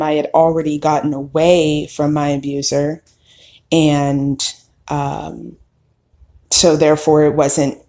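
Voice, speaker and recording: A woman in her thirties speaks slowly and thoughtfully, her voice sitting a little low. She tells a personal story in an unhurried, candid podcast monologue. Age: 30s. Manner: slow, reflective, candid with occasional soft laughs. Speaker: podcast host.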